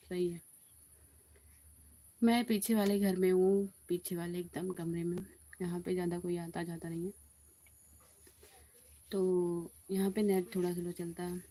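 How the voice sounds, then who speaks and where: Slow, mellow-voiced woman chatting on a live stream. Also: lowish voice. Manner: chatty, reads out and answers viewer comments. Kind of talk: casual live-stream chat. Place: quiet back room of a house.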